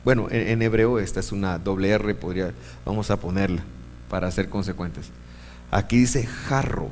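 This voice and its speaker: A man's voice: deep voice, steady tone, normal speed, darkish tone, in a large hall, a little hiss or hum. A man teaching a church Bible class, explaining step by step and quizzing his listeners. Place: church meeting room.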